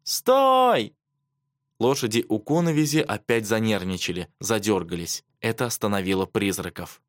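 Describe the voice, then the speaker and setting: A man reading a children's adventure story aloud as narrator, measured and even. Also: fairly low pitch, no echo, clean studio sound. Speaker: audiobook narrator. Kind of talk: scripted narration.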